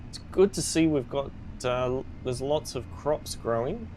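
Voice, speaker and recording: Man, live game stream, chatty, upbeat, mid-pitched voice, faint hum behind. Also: expressive, unhurried, a little mellow. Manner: chatty, upbeat, frequent 'ooh' exclamations. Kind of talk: live gameplay commentary, chatting with viewers.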